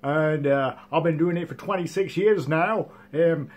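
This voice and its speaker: A man's voice: on the high side, a little slow. A man playing an earnest ghost hunter in a parody news interview, rambling, hesitant and repeating himself. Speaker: paranormal investigator guest. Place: TV studio couch.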